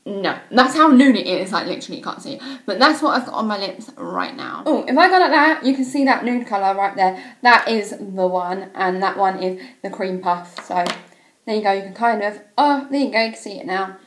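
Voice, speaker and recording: A woman's voice: mid-range voice, lively intonation, brisk, fairly bright tone, roomy sound, low-quality recording. A woman chatting casually to camera about makeup, gushing and filling her talk with "like" and "um". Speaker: beauty vlogger.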